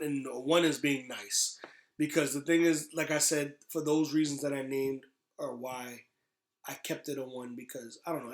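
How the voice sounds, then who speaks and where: On a casual movie podcast, a male host gives blunt opinions, swearing now and then, in a voice on the high side and a bit bright. The recording sounds roomy and echoey.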